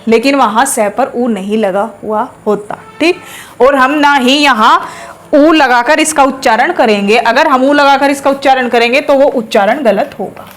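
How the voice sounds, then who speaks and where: A woman teaching a spelling lesson to students, patiently explaining and repeating words slowly to drill their pronunciation. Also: high voice, fairly bright tone. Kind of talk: classroom lesson on a whiteboard.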